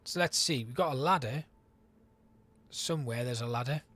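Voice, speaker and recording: A man's voice: medium pitch, moderate pace, fairly bright tone, slightly rough. A man streaming a city-building game, chatting and thinking aloud as he plays. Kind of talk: let's play commentary.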